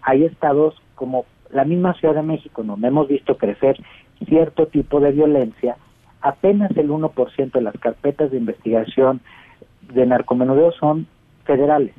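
A man's voice: medium pitch, moderate pace, no echo. A man with a Mexican accent, an expert guest giving analysis in a news interview. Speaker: expert guest, director of a civic observatory. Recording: dull, dry phone-like radio link.

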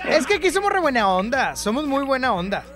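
High, lively Mexican radio host man. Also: fast. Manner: playful, teasing, repeats himself for comic effect. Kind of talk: casual radio chat. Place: radio studio. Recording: music playing clearly behind.

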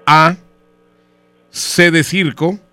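A fussy, self-important engineer rambles through a prank call, as a man puts him on. He stalls with fillers and spells every letter slowly, in a lower voice with a bright tone. Soft music plays underneath. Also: fairly even intonation, exaggerated voice. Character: pompous rambling male hotel-owner engineer, middle-aged. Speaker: prank caller.

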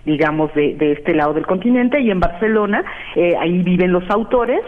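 A woman's voice: on the low side, normal speed. A woman from Mexico, a guest institute director, speaking in a radio interview by phone with many fillers. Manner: affirming, talks with many fillers. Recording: phone line.

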